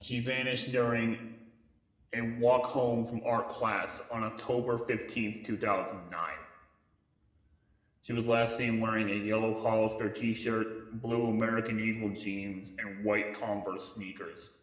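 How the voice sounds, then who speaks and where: Over muffled, echoey lo-fi tape, a man narrates a police case file as a mock briefing for an analog horror story. His level, somewhat bright voice sits on the low side. He reads haltingly, now and then stumbling.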